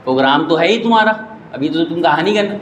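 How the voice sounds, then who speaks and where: A male cleric giving an impassioned religious sermon, arguing rhetorically and rising to shouts, into a microphone in a mosque prayer hall. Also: a little high, expressive, a little hiss or hum. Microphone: stand microphone.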